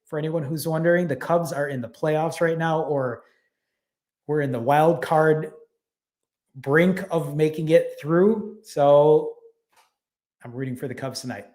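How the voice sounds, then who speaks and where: A man's voice: on the high side, steady tone, takes it slowly, a little mellow. A man, casually hosting a live stream, reading viewer comments and thanking people by name, a little out of breath. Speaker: fasting channel host.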